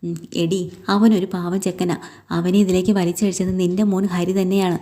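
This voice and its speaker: A woman's voice: lowish voice, level tone, normal speed, warm tone, lightly acted. A woman voicing a bedridden old mother-in-law who complains and pleads in a told family story. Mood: pleading.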